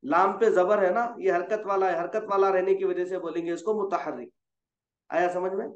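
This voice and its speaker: High-voiced man patiently teaching letters. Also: fairly even intonation. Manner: coaxing, corrects gently and repeats letters slowly. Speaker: Quran reading teacher. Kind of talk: patient tutoring over a call. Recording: roomy, dull lo-fi sound.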